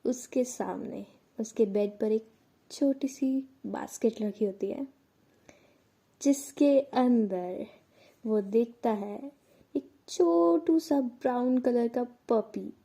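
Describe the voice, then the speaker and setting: Chatty woman storyteller with a warm voice. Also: a little high, takes it slowly, creaky, slightly rough. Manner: chatty, expressive, self-correcting. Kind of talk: casual story narration.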